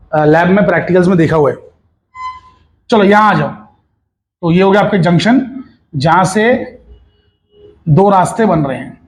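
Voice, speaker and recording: Brief: male physics tutor, middle-aged, high voice, chatty and coaxing, code-switching in lessons. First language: Hindi. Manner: chatty, coaxing, mixes Hindi with English and Marathi asides. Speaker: physics teacher. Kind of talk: recorded online physics lesson.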